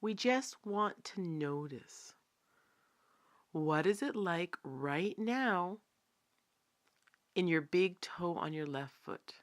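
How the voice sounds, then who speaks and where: Speaking in a lowish voice, a female meditation teacher leads a body scan with gentle, unhurried instructions, staying calm and letting long silences stretch between them.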